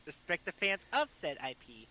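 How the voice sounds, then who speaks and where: A man's voice: a little high, sing-song, normal speed, bright, forceful tone. A man co-hosting a casual podcast chat, often stammering and restarting his sentences. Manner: stammering restarts, reads out lists. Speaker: podcast co-host.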